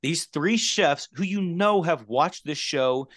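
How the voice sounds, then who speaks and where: Young man, lively swooping pitch, slightly high voice, dry close sound, animated casual rant. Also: takes it slowly, no room sound. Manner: animated, swearing, laughing rants. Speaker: podcast host. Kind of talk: casual chat.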